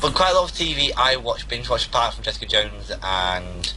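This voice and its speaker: Bright-voiced young podcast co-host. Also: male voice, mid-range voice, very animated, fairly quick, slight background noise, poor audio. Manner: enthusiastic, repeats himself, casual swearing. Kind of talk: casual podcast chat.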